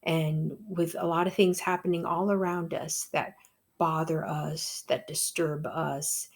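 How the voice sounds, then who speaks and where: A woman tells a devotional story in a soft-spoken, unhurried voice. Her pitch sits low, and she takes her time over every phrase. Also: steady tone. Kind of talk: gentle devotional talk.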